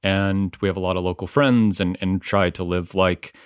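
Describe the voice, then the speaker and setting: Speaking at a normal speed in a deep, steady, smooth voice, this man hosts a casual podcast interview from his small-village home. He's chatty, full of fillers, and keeps restarting his sentences, all captured with studio quality and no echo.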